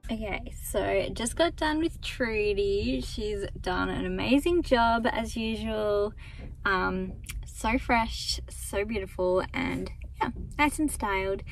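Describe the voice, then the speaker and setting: A woman, chatting casually to camera as a lifestyle vlogger, relaxed and friendly. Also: medium pitch, slow pace, faint music behind, low-quality recording. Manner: chatty and relaxed, talks straight to viewers. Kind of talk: casual vlog chat to camera. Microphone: handheld camera at arm's length.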